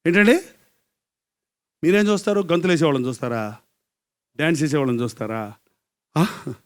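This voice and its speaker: A male evangelist preaching a live sermon, dropping to hushed murmurs, then rising into loud, impassioned cries and asking the congregation questions. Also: a little high, normal speed.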